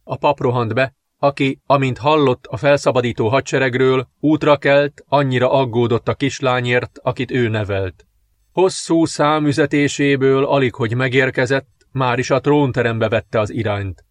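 A man reading a fantasy novel aloud in measured, dramatic scripted narration. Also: mid-range voice, no echo. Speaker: audiobook narrator.

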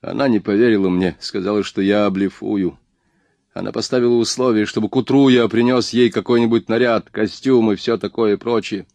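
A man's voice: on the low side, fairly even intonation, normal speed, gravelly, a little mellow, dry recording. A man reading the lines of a shy, hapless young man who stumbles over his words in an audiobook. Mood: sheepish. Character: timid, hapless young man posing as a robber.

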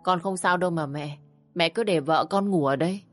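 A woman voicing a mild young husband who pleads quietly. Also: fairly low pitch, brisk, faint music behind, close to an everyday voice. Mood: pleading. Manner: subdued, pleading. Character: young husband, grad student, mild and conflict-avoiding.

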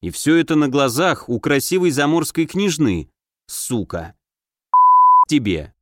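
A man reads a first-person fantasy audiobook with a fairly high voice, acting out dialogue with lively energy. The recording is dry and close, with no room sound. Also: normal speed, no echo. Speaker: audiobook narrator.

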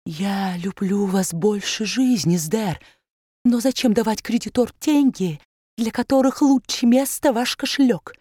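A woman's voice: medium pitch, measured pace, warm tone, no echo, clean studio sound, close to an everyday voice. A woman voicing a pompous older male banker who speaks broken, foreign-accented speech in sudden outbursts. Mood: blustering.

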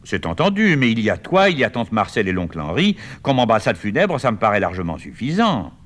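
A man reading a play aloud, voicing a lively, bossy teenage boy with quick, bantering, mock-grand talk. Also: on the low side. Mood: cajoling. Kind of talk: 1960s stage-play reading.

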